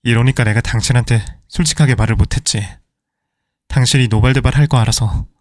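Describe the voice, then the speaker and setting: A man's voice: mid-range voice, steady tone, a little fast, no echo, clean studio sound, lightly acted. A man playing an evasive middle-aged husband who pleads and placates his angry wife. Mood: placating.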